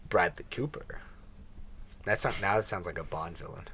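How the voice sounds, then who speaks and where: A man co-hosting a podcast from a home basement, chatting casually with lots of laughs and quick restarts. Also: sits low, bright, forceful tone, slight background noise. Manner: laughing, joking banter with frequent restarts. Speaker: podcast co-host. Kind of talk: casual chat.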